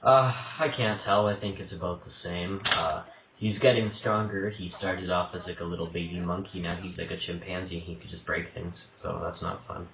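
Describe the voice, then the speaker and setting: This prank call features a young man with a low, gravelly voice, a steady tone and moderate pace, playing a troubled single father. His delivery is mock-earnest, hesitant and stammering; the audio is a tinny phone line with faint hiss and an echoey room.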